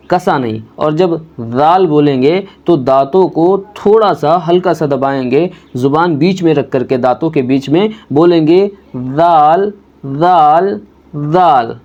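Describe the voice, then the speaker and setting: Brief: man, fairly high voice, patient beginner tutor, dull lo-fi sound. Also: a little mellow. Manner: slow repeated drilling of letter sounds; patient explaining teacher. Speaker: Quran reading teacher. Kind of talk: step-by-step beginner lesson.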